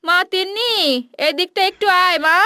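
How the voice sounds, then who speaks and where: A woman's voice: very high voice, bright, forceful tone, slight background noise. A woman voicing a busy, caring village mother in a cartoon. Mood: brisk. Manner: brisk, motherly.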